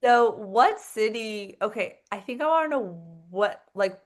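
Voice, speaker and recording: A woman's voice: fairly high pitch, lively intonation, a little slow. A young woman hosting a casual podcast interview. She is chatty and filler-heavy, with plenty of "like" and "um." She piles several questions into one turn. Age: young adult. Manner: chatty, lots of likes and ums, asks stacked questions. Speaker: podcast host.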